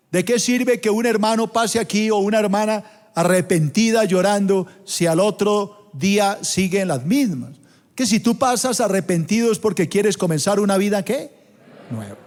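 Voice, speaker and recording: A high-voiced man with a Colombian accent preaches a sermon to his congregation. He drawls out the scripture quotes for emphasis. His voice rings with the long reverb of a big church auditorium. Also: a little mellow. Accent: Colombian Spanish. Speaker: pastor.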